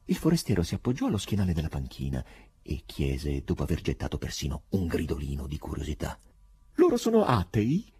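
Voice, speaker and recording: A man narrating an audiobook in a dramatic, expressive reading. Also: rumbling low, quick pace, slightly rough.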